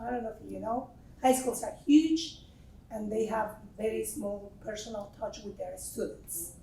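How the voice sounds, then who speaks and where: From far off the mic in an echoey, large meeting room, a grateful parent in her forties makes spontaneous audience remarks, chatting and laughing often. She's from Mexico City with a Mexican Spanish accent, and her fairly high voice is gravelly and warm.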